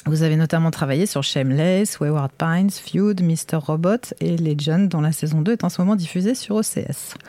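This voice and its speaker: Woman, podcast host, mellow warm voice, articulate, lightly playful. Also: low voice, a little fast, few pauses, no echo. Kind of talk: scripted podcast intro and interviewing.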